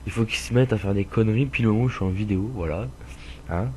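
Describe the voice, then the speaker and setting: A young man with a stuffy nose casually commentating a truck-driving game, rambling with lots of fillers and swearing, with loud bursts of frustration at other drivers. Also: lowish voice, fast, slight background noise. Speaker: gameplay commentator. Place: home room with a dog playing nearby.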